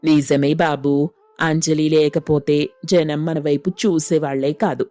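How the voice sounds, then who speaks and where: A firm middle-aged mother-in-law, low commanding voice, cartoon story, soft music. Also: steady tone, slow pace, dry recording. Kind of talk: animated storybook voice acting.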